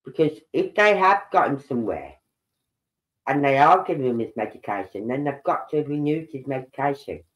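On a low-quality recording, an older man with a stuffy nose hosts a laid-back true-crime livestream from home, reading posts and thinking aloud. His medium-pitched voice is animated at a normal speed, and he rambles and breaks off mid-sentence.

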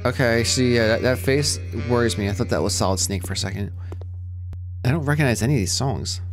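A man's voice: mid-range voice, brisk. A man commenting on a horror game as he plays, jumpy and joking, talking back to the characters on screen. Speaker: let's play gamer. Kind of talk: playthrough commentary. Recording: game music playing behind. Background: clear game music.

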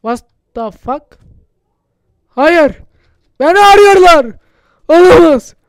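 A man's voice: very high-pitched, expressive, slow pace, dry recording, clean studio sound. A man doing casual, chatty gameplay commentary for his channel, muttering to himself and swearing often. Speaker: gaming YouTuber.

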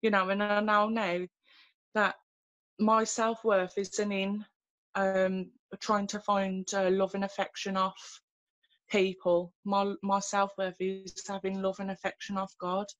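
A woman tells her faith story over a webcam call from a small room at home. She speaks earnestly but haltingly, restarting often, with a flat and even tone in a dry, close sound. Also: mid-range voice, dry recording, highs cut off. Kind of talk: personal testimony in a video call. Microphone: laptop webcam on a video call.

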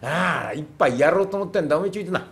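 A lazy fake priest barks in gruff, brusque slang, as a rakugo teller puts him on. His voice sits somewhat high for a man. It is a comic story told on stage. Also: lively intonation, quick pace, fairly bright tone. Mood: bossy.

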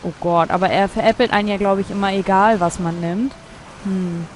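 A woman's voice: mid-range voice, fairly even intonation, fairly quick, slight background noise. Woman casually commenting on a game. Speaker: let's player. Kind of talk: casual game commentary, reading dialogue options aloud.

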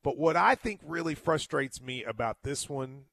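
A man giving an emphatic sports radio monologue, often halting and repeating his words. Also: medium pitch, animated, vocal fry, fairly bright tone, dry recording.

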